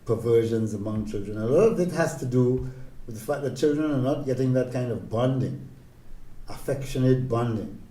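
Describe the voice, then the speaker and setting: An older man with a Tobagonian accent speaks in a very soft-edged, dark and relaxed voice. He reflects on life calmly and gently, choosing words with deliberation. The recording is roomy, with noticeable echo. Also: mid-range voice, moderate pace. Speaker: interviewee, village elder sharing memories. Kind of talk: reflective interview reminiscence. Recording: roomy, echoing interview recording.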